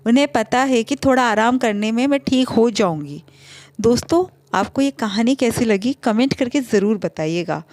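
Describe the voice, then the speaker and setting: A woman's voice: on the high side, lively intonation, moderate pace, a little mellow, no room sound. A woman telling a family story in the first person, in a conversational way with small slips.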